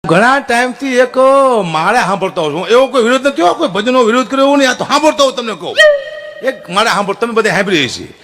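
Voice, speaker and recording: A man's voice: extremely high pitch, lively intonation, fast talker, fairly bright tone. A man doing comic stage storytelling, quoting verses and poking fun at them. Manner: joking, quotes verses then mocks them.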